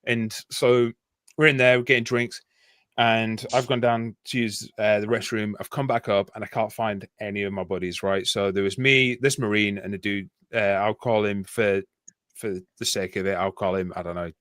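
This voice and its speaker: A man's voice: on the low side, steady tone, moderate pace, a bit bright, dry recording. A man with a Yorkshire accent telling a long, rambling anecdote in casual chat, laughing and swearing often. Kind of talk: casual storytelling.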